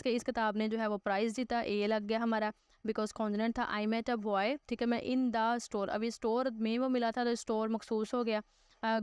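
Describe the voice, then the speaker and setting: A woman teacher talks through an online English lesson in a smooth, clear, fairly high voice. She reads English example sentences slowly and deliberately, then explains them with hesitant fillers and frequent check-ins. The sound is close and dry, with no room echo. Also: a little mellow. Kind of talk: recorded online grammar lesson.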